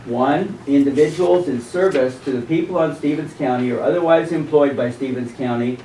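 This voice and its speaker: American male citizen presenter, formal and deliberate read-aloud delivery, distant roomy recording with faint noise. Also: mid-range voice, warm tone. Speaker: citizen presenter at a county commissioners meeting. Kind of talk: formal public statement read from prepared text.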